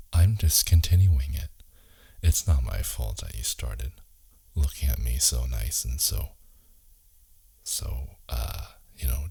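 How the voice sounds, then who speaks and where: Very deep, husky romantic leading man, ASMR role-play. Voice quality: husky, gravelly low murmur slipping into soft voice.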